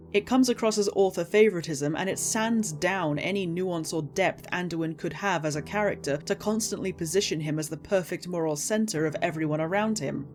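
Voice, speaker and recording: Casting: woman with a lowish voice for sarcastic, exasperated rant commentary, emphatic and scripted, faint music underneath. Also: a little mellow. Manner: indignant, sarcastic, emphatic ranting with incredulous outbursts; swears casually. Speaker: video essayist, game story critic.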